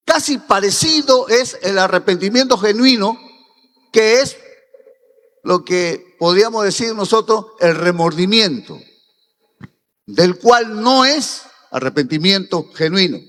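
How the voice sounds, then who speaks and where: A man's voice: sits high, expressive, measured pace, a bit bright. A man from Peru preaching a sermon as pastor, pressing his points and rising to emphatic peaks. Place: church hall. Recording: reverberant church hall.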